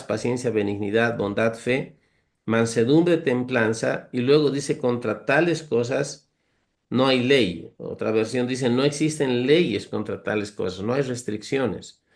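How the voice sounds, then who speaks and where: Calling his listeners brothers, an ordinary-pitched man gives a conversational Bible lesson. He reads verses out and explains them earnestly, lists virtues one after another, and uses homely, humorous comparisons.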